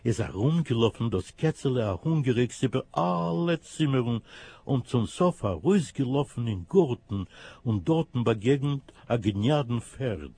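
A man reading a children's story in a lively sing-song manner. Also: mid-range voice, a little slow, slightly rough, dry recording.

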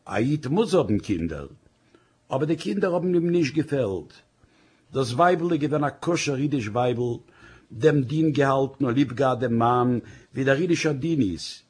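A man reading a story aloud in an expressive storytelling manner. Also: mid-range voice, normal speed, breathy edge.

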